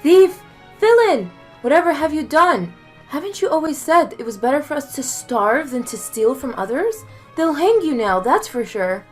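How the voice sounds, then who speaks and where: Woman doing a shrill frightened wife. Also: sing-song, moderate pace, soft background music. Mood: alarmed. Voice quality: shrill, high, loud. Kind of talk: storybook reading.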